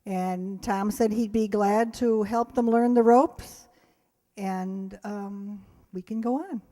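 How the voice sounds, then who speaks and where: Speaking slowly in a mellow, medium-pitched voice, a woman representing community players delivers closing announcements and thanks to a live audience. The talk is informal, chatty, unscripted and rambling.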